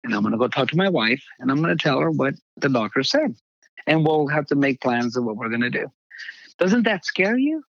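An older man, a pastor, telling a personal testimony in halting conversational speech, acting out the voices he quotes. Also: medium pitch, creaky, a bit bright, no room sound, muffled recording. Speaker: pastor, guest.

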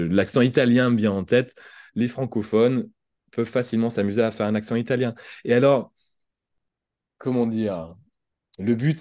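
A man's voice: mid-range voice, warm tone, no echo, clean studio sound. A French man speaking as a podcast guest, explaining thoughtfully with examples and frequent restarts. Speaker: podcast guest, language entrepreneur. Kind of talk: conversational interview.

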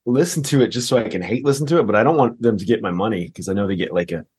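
Fast husky sarcastic man. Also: lowish voice, a little mellow. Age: middle-aged. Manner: quick, sarcastic and blunt. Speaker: podcast co-host. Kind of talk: casual chat.

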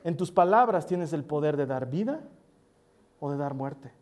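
Man preaching a sermon, dark voice. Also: on the high side, expressive, unhurried. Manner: warm storytelling with soft intimate asides.

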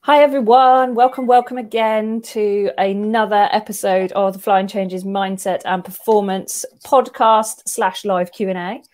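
A woman with a British accent and a medium-pitched voice hosts a chatty interview. She is upbeat and welcoming, and readily affirms her guest. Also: steady tone, measured pace, hardly any pauses, a little mellow. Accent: British English. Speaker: podcast host.

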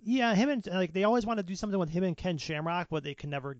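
A man's voice: sits high, fast, dry recording. A man co-hosting a podcast, chatting casually and rambling with lots of restarts while watching wrestling. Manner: rambling, self-interrupting, chatty. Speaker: podcast co-host. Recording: dull lo-fi podcast audio.

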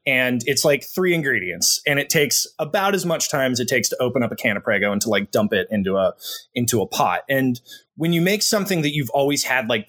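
A young adult man in a relaxed conversation, his voice at an ordinary middle pitch. He rambles, fills gaps with "like" and "you know" and restarts his sentences as he goes. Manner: rambling, many fillers and restarts. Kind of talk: casual conversation.

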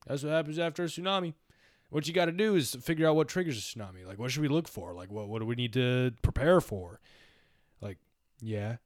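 A man's voice: lowish voice, no echo, studio quality. A young man co-hosting a podcast, musing in casual philosophical chat with a lot of "like" and "you know". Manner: rambling, reflective, heavy use of "like". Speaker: podcast co-host.

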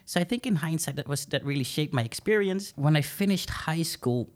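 A man's voice: on the high side, animated, fairly quick. Reflective Dutch-raised man. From Netherlands. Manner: reflective, many fillers and restarts. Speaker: guest. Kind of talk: podcast interview.

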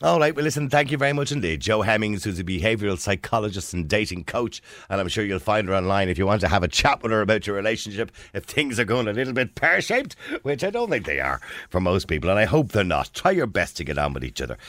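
Irish male radio host: quick, lively delivery, chatty and jokey, dry close studio sound. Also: on the low side, dry recording. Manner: jokey, conversational. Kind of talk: chatty phone interview.

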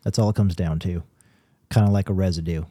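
Low dark-voiced man, measured podcast talk. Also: fairly even intonation, dry recording. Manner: measured, explanatory, with filler restarts. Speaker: podcast co-host, paranormal investigator. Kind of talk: casual chat.

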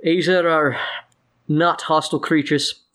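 Man playing a calm, measured fantasy ally. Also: a little high. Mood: reassuring.

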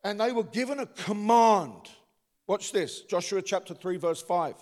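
In a church with long reverb, a Cockney pastor from London's East End preaches a rousing sermon and calls on the congregation to respond. His voice sits high and is expressive and a little mellow, moving a little slowly.

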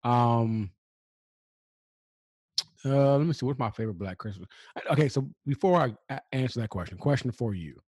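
Male podcast co-host, mid-pitched, conversational, recorded dry and close. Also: normal speed, pauses often, a little mellow, husky, dry recording. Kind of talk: casual chat.

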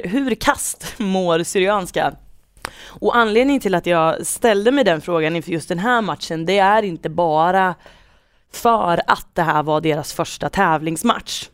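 A woman's voice: on the low side, clear, resonant tone, no echo, clean studio sound. A woman hosting a football podcast, talking casually as she guides listeners through the show. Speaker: podcast host.

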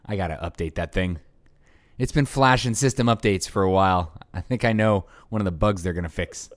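A man co-hosting a casual board game podcast, joking and rambling with quick asides. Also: low-pitched. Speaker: podcast co-host.

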